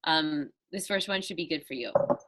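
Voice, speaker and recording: A woman's voice: deep voice, moderate pace, a bit bright. A woman acting as quizmaster in a casual game, chatting and reading out challenges. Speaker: host, quizmaster.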